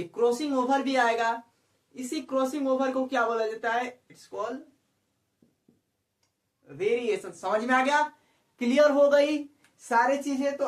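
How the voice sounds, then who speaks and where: Slow, echoey male biology teacher. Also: very high-pitched, a bit bright. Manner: keeps asking rhetorical questions and checking understanding; drawn-out, repeating key terms. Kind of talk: online exam-prep lecture. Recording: echoey room, speaker far from the mic.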